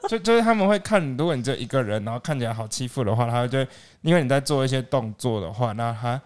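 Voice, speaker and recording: A man's voice: mid-range voice, lively intonation, quick pace, smooth. Male co-host, mid voice, dry and teasing. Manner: dry teasing remarks, hesitant restarts. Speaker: podcast co-host. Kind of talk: casual chat.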